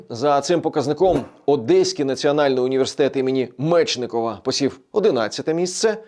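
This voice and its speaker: A man presenting a weekly regional news roundup in a measured, scripted delivery. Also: a little high, darkish tone.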